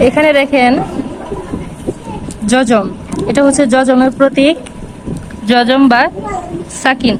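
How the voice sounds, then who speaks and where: A woman teaching Quran reading step by step, slowly repeating each syllable in drills. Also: a little high, background noise. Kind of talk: step-by-step lesson.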